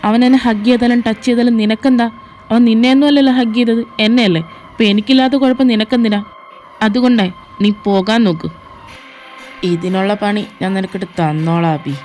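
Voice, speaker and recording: A woman's voice: a little high, fairly even intonation, fairly quick, darkish tone. A woman voicing all the characters in a fan fiction audio drama, moving between arguing, teasing and pleading voices. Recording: faint background music.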